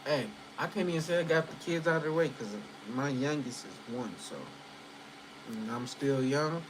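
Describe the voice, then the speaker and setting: Speaking at a moderate pace in a voice on the high side, an early-thirties channel host rambles through a casual livestream chat with viewers at home. He swears often and leans on fillers, with a noisy background behind him.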